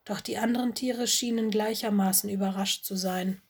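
A woman narrating a children's audiobook in a calm, gentle storytelling manner. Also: mid-range voice, moderate pace, slightly rough.

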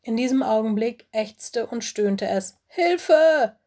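A woman narrating a children's audiobook in a clear, expressive storytelling voice. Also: medium pitch, measured pace.

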